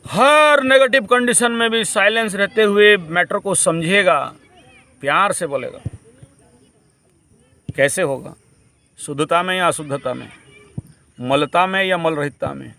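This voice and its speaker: A man with a high voice lectures a camp group. He preaches in a repetitive way and drops English phrases into his teaching. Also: a little slow, pauses often, bright, forceful tone.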